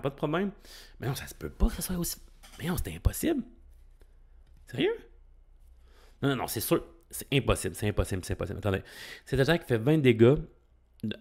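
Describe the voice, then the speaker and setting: A middle-aged man speaks with a Québécois French accent in a relaxed, chatty card-opening commentary. His voice sits at an ordinary pitch, but it leaps up and down with real animation. He exclaims often and works things out aloud as he goes. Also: gravelly. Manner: excitable, exclaims and thinks aloud.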